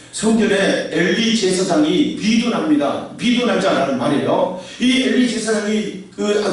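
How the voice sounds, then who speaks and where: A male pastor preaching an emphatic sermon, calling the congregation to answer amen. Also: sits high. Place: large echoey church sanctuary. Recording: very echoey hall, voice from far off the mic.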